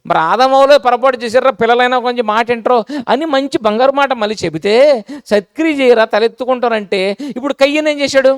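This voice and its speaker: Male pastor, high-pitched, dry close sound, sermon delivery that keeps asking the congregation questions and repeating lines. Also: quick pace, smooth, no room sound. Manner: quizzes listeners with repeated rhetorical questions; repetitive, conversational preaching.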